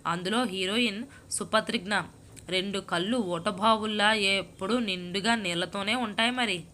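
A woman's voice: medium pitch, normal speed, sharp tone, a little hiss or hum, natural voice. Woman reading a melodramatic serial-obsessed wife. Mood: complaining. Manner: sighing scoffs, self-pitying, complaining. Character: young married woman, melodramatic, hooked on TV serials. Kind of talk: storybook reading.

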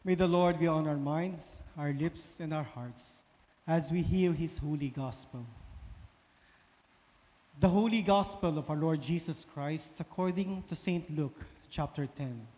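A man with a high, light voice reads the gospel slowly and solemnly, every phrase trailing off into a long church reverb. He sounds like a priest at the ambo, with the cathedral echo hanging in the air around him. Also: warm tone. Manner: measured, solemn liturgical reading. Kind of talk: reading the gospel at Mass. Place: large church.

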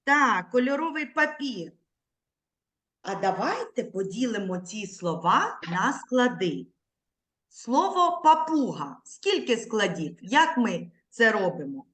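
A woman teacher giving an online literacy lesson to young children over a video call, speaking slowly and clearly, drawing words out syllable by syllable and patiently prompting her pupils. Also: a little high, sing-song, fairly bright tone. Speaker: primary school teacher.

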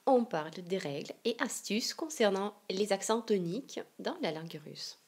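A woman from Siberia with a Russian accent, teaching a language lesson online and explaining slowly and carefully. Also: medium pitch, expressive, a little mellow, breathy edge. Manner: slow, careful explanations with example readings.

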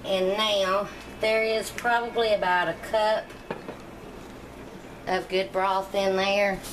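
A cooking channel host, a middle-aged woman whose voice is on the low side, chats homily while demonstrating a recipe in her home kitchen, tossing in rambling asides. The background is noisy, and she is off camera, recorded by the camera mic.

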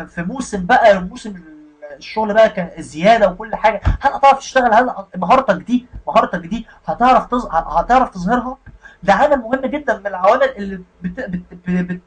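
Male instructor, Egyptian Arabic accent, breathy and very fast, casual lesson style with frequent check-ins. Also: high voice, low-quality recording. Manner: keeps checking in with the listener. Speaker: IT career instructor.

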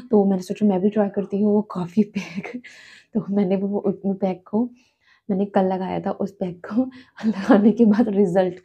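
A woman hosting a casual family vlog from home, talking softly and slowly so she won't wake the sleepers. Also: mid-range voice, husky, muffled recording. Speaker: family vlogger. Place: home, indoors.

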